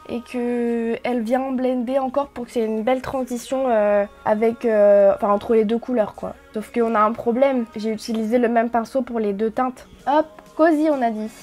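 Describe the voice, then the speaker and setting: A woman's voice: a little high, darkish tone. A young woman, chatting casually and mocking herself while she does her makeup. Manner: chatty, self-mocking, lots of fillers. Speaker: beauty vlogger.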